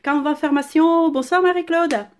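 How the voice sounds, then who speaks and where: An enthusiastic crafting demonstrator with an Italian accent chats through a live-stream unboxing in a high-pitched voice. She often stops on "euh", and the casual stream was recorded indoors at home on a phone camera.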